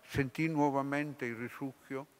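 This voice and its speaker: Male lecturer reading fiction aloud, very slow and measured, middle pitch, echoing hall. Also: steady tone. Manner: measured, deliberate phrasing. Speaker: literature lecturer. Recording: long hall reverb.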